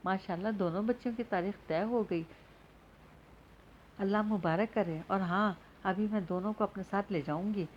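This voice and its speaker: A woman's voice: medium pitch, normal speed, lo-fi sound, a little hiss or hum, close to an everyday voice. A woman reading a fond older aunt. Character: older aunt, warm and full of blessings.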